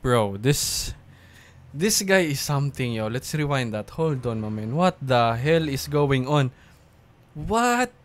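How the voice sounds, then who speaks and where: A man's voice: medium pitch, sing-song, takes it slowly. A man from the Philippines hosting a beatbox reaction video, exclaiming, laughing and swearing in disbelief as he reacts. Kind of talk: excited reaction commentary.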